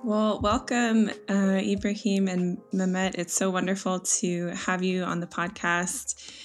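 A woman's voice: medium pitch, level tone, measured pace, faint music behind. A woman hosting a podcast interview, friendly, with fillers. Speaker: podcast host.

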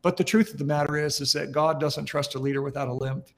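A middle-aged male pastor tells his story on a podcast. He speaks in an earnest, emphatic, conversational way, and his voice sits a little higher than most men's. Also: fairly even intonation, quick pace.

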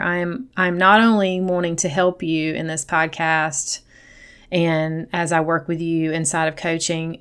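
A woman's voice: lowish voice, a bit bright, smooth. A middle-aged woman hosting a podcast, talking casually and personally in an earnest, encouraging manner to women listeners. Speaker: podcast host and coach.

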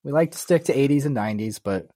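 A man's voice: medium pitch, expressive, fast talker, warm tone, dry recording, clean studio sound. A man co-hosting a movie podcast, tossing in wry, joking asides in casual chat. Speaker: podcast co-host.

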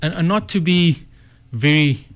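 Animated and somewhat high, this man's voice keeps a measured pace. A middle-aged success strategist with an Afrikaans South African accent, he's a guest in an informal interview, reflecting on his story in a conversational manner and revising his words mid-thought.

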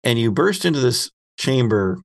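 A man hosting a tabletop horror game as game master, narrating scenes descriptively with halting pauses. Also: medium pitch, very animated, gravelly.

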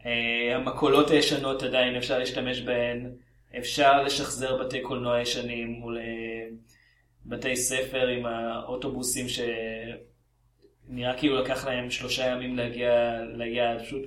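A man from Israel co-hosting a podcast, chatting casually about films in an animated, jokey way. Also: medium pitch, reverberant. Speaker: podcast co-host.

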